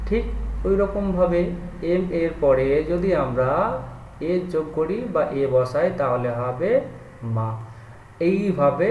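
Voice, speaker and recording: A man's voice: medium pitch, darkish tone, muffled recording. Bengali-speaking man teaching pronunciation. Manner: repeats each point as a question and answer. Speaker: English teacher. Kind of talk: spoken grammar lesson. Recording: echoey room, far from the mic, noisy.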